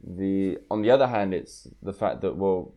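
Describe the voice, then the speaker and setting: A man's voice: deep voice, animated, moderate pace, vocal fry, mellow. A young man with a London roadman accent, debating casually and in slang as a podcast co-host. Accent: London, urban street slang. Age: young adult. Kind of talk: casual debate among friends.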